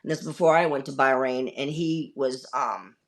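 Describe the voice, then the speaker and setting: A woman in her fifties with a bass voice talks at normal speed while hosting a casual chat. Her storytelling is candid and rambling, packed with fillers and regular swearing.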